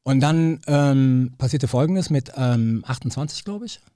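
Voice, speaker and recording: A man in his fifties from Cologne, a political scientist guest in a studio interview, telling personal stories in a relaxed, animated way and acting out the people he quotes. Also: medium pitch, a little slow, dry recording. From Cologne, Germany. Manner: animated storyteller who acts out quoted voices. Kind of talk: casual storytelling interview.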